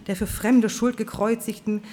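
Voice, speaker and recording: A bombastic male preacher thundering prophecies at a crowd, put on by a reader at a live reading. The voice rings high and loud above the speaker's usual talk, with a long hall echo trailing after each phrase. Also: flat delivery, normal speed, lightly acted. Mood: preaching.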